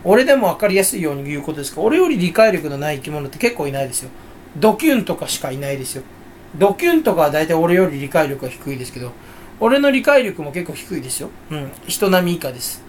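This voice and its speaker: A man rambles through a casual solo talk, jokey and self-mocking. His pitch jumps up and down a lot as he rambles. He talks as a channel host with no one else there. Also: sing-song, fast, a little hiss or hum.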